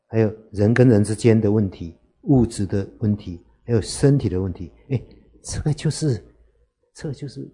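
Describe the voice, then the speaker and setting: A man, a Buddhist monk, giving an unhurried dharma talk to lay listeners, often asking rhetorical questions. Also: fairly low pitch, mellow, slightly rough.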